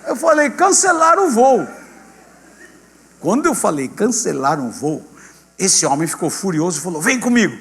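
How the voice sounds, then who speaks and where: A male pastor with a Brazilian accent tells a testimony from the pulpit, voicing each person in the story with lively turns. His voice sits high for a man and rings out with a long hall reverb. A low mains hum runs underneath. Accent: Brazilian Portuguese. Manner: animated storyteller acting out dialogue, addressing congregation as "gente".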